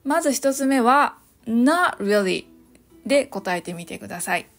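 Cheerful podcast teacher, woman, higher pitch, light music underneath. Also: expressive. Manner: cheerful, explains slowly, models English phrases. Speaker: English teacher, podcast host. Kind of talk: solo English lesson podcast.

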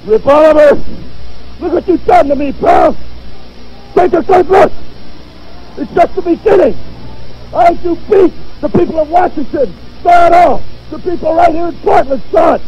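A man loudly delivering a threatening, impassioned wrestling promo as a professional wrestler. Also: very high voice, normal speed. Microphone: handheld interview microphone. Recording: dull, noisy old TV tape.

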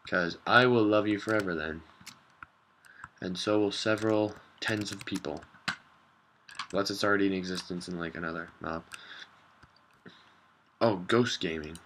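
Low-voiced man rambling over gameplay. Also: normal speed, pauses often, a little hiss or hum. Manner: rambling, jokey, deadpan absurd humor. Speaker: gaming vlogger. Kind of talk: casual gameplay commentary. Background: game music.

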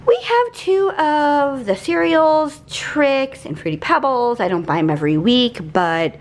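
This vlogger is a woman in her forties whose high-pitched voice sounds animated and a touch slow. Standing in her home kitchen, she rambles through a casual grocery haul, chatting away and wandering off topic often.

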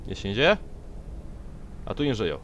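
Sarcastic young man with lively pitch swings. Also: normal speed, a little hiss or hum. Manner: sarcastic, talks back to enemies on screen. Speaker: gameplay commentator. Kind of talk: let's play commentary.

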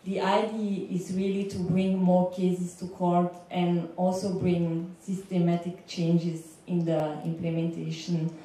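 A Belgian woman, working as a legal consultant, gives a semi-prepared speech on a panel in an indoor lecture room, speaking haltingly in a lowish, dark voice with flat delivery. She holds a handheld microphone, but the audio comes from a far camera, so it sounds distant and echoey with faint background noise.

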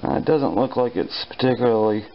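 A man casually explaining a small engine repair in his home garage, relaxed and dryly joking, with plenty of fillers as he works. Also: medium pitch, brisk, dull audio, slight background noise. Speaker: repair instructor. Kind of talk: casual hands-on repair tutorial.

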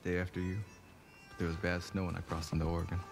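A man playing a worn-out, loyal young male survivor in a video game, speaking in a tired, low-key way. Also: completely flat delivery, fast, creaky, faint music behind.

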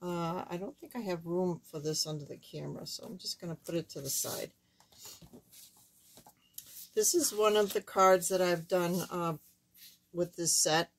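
An older woman with a thin, squeaky, slightly hoarse voice, giving a casual, halting card-making demonstration. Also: a little hiss or hum. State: hoarse while recovering from surgery. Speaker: craft tutorial host. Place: indoors at a wooden craft table, camera overhead.

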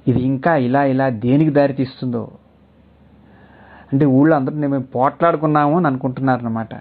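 A man narrating a written story in a measured, literary reading style. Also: medium pitch, steady tone. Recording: tinny phone-like audio.

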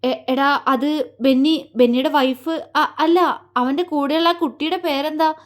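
A woman's voice: high voice, steady tone, unhurried. A woman doing a stammering, tearful young man. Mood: shaken, tearful. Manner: stammering, trembling and sobbing. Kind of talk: audio story character voice.

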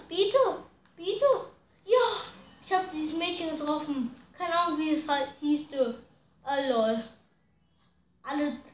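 A woman giving slangy, excitable commentary while playing a racing game, groaning and pleading at the screen. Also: high voice. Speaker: gaming video host. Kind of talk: casual gameplay commentary. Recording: roomy echo.

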